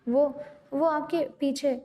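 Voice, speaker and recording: A woman's voice: sits high, steady tone, mellow, voice pushed up. Woman voicing a frightened stubborn young woman. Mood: timid. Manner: pleading, tearful.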